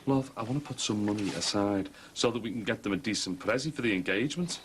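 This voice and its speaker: An actor playing a grumbling, hard-up husband in a 1980s TV soap. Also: male voice, lowish voice, fast talker, noisy background, lightly acted. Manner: grumbling, put-upon.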